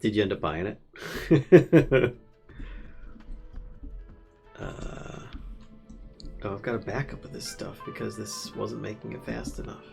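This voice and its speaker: A man's voice: on the low side, takes it slowly, creaky, pauses often, music in the background. A man live-streaming a modded game, chatting casually, teasing his co-player and laughing often. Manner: playful teasing, laughs often, thinks aloud.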